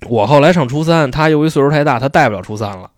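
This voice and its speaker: A man tells chatty, slangy stories at a quick clip, his pitch bouncing up and down. He keeps asking his listener "you know?" The recording is close and dry. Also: expressive, dry recording. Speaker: podcast host. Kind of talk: casual storytelling chat.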